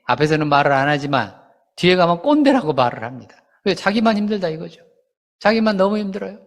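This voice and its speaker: A man's voice: high voice, fast. A man preaching as a pastor, talking in a conversational way with rhetorical questions and briefly acting out quoted people. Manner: animated, acts out quoted parents and children. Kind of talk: sermon. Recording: long hall reverb.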